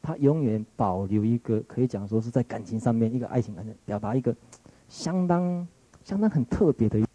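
Husky, very dark-voiced male lecturer. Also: medium pitch, lively intonation, fairly quick, no room sound, low-quality recording. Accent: Taiwanese Mandarin. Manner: musing, searching for words, frequent restarts. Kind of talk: reflective lecture, retelling a story.

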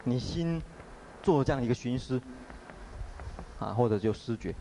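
A man's voice: medium pitch, animated, normal speed, dark tone, slight background noise, natural voice. A man voicing a wise old meditation master admonishing his disciple. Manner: admonishing, instructive.

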